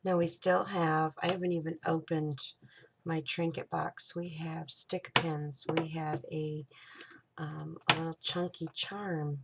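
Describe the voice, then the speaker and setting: A woman's voice: low-pitched, flat delivery, slow, vocal fry, very noisy. A woman hosting a casual crafting tutorial, chatting and thinking aloud as she works, sometimes dropping to a whisper.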